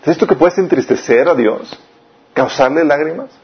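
A man's voice: a little high, moderate pace. Man preaching, dull lo-fi sound. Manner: questioning the listeners often, lively rises and drops. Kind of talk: sermon. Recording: dull lo-fi recording.

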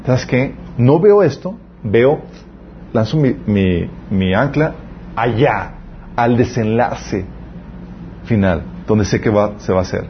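Lively young preacher man. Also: on the low side, takes it slowly. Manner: lively storytelling, addresses the audience directly. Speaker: youth preacher. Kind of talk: conversational sermon. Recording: slightly muffled recording with faint background noise.

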